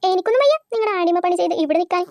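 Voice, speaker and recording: A woman's voice: very high voice, animated, rapid-fire, darkish tone, no echo. A woman voicing a bossy, self-pitying old mother-in-law in a cartoon, scolding and sarcastic as she complains. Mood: angry. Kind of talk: cartoon voice acting.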